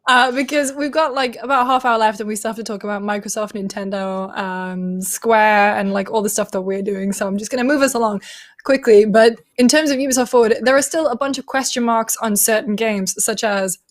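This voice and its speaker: A woman's voice: a little high, fairly even intonation, a little fast. A woman hosting a casual gaming panel chat, steering the talk and laughing easily. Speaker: host.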